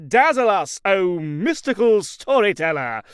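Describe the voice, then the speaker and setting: A vain little robot core hosts an imaginary talk show in a cartoon. The voice swings wildly in pitch, theatrical and sarcastic, flipping into mock voices. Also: very animated, unhurried, clear, resonant tone, no room sound, studio quality. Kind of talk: animated comedic show hosting.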